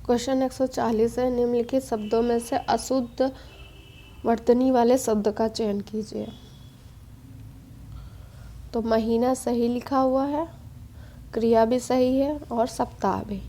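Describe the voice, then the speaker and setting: A woman with a fairly high but mellow voice works through a spelling quiz for exam students. She explains each answer in a steady, plain teaching tone, with English quiz terms dropped in. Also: unhurried, long pauses. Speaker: exam-prep Hindi teacher. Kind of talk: spelling quiz walkthrough lesson.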